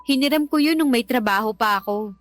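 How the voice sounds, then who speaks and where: Over a dramatic music bed, a woman's fairly high, slightly fast voice, close to how someone talks every day, voices a touchy, defensive live-in girlfriend in a Tagalog radio drama. She whines and argues while making an uneasy confession.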